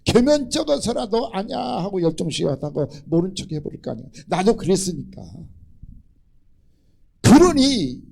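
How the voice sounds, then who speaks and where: A man's voice: sits high, sing-song, moderate pace, vocal fry, warm tone, poor audio. An older man preaching a Sunday sermon in a church as its pastor, talking animatedly and acting out the voices of the people he quotes. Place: church sanctuary.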